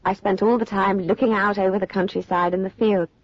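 A woman's voice: mid-range voice, steady tone, fairly quick, no echo, natural voice. A woman playing an adult recalling her first flights, telling it in an effusive, storytelling way in a dry, muffled studio recording. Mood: delighted. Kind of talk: scripted listening exercise monologue.

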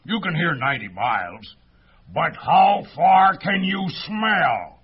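A pompous storybook bear, as a man acts him out, bragging slowly in a high, raspy voice that leaps all over the place. The lo-fi recording sounds dull. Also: sing-song, heavily acted. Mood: boastful. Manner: boastful, drawn-out.

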